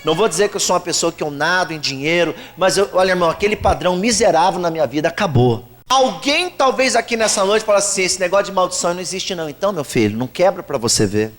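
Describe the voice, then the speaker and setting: Fervent preacher in an echoey hall. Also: male voice, sits high, quick pace, few pauses. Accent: São Paulo interior Brazilian Portuguese. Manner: animated storytelling, acts out quoted dialogue, rising to loud fervent preaching. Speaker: pastor. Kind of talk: Pentecostal sermon testimony. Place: church hall. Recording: very echoey church hall, voice from far off.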